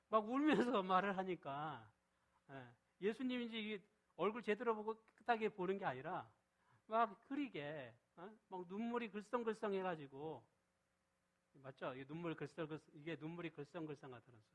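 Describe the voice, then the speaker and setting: A middle-aged man preaches to his congregation, his voice sitting a little above the usual male register. He keeps asking questions and answering them himself. He leans hard on key words, then drops to a quiet, low delivery when he reads scripture. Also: low-quality recording. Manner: shifts between loud stress and soft low reading. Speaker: pastor. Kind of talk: sermon.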